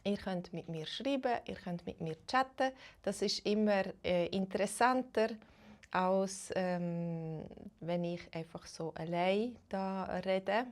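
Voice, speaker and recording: Swiss german teacher lady on a live stream, talks real slow, greets the chat, flips between english and german. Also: medium pitch. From Switzerland.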